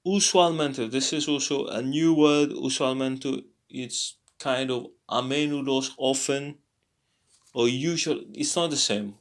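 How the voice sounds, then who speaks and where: A tired man teaching a casual language lesson, halting with many fillers and repeats. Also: medium pitch, steady tone. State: tired, yawning.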